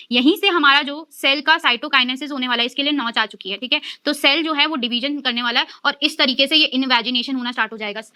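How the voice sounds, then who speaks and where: A woman's voice: high voice, bright, forceful tone. A woman teacher giving a recorded class lecture with an Indian accent. She explains step by step, calls her students children, and keeps checking that they follow.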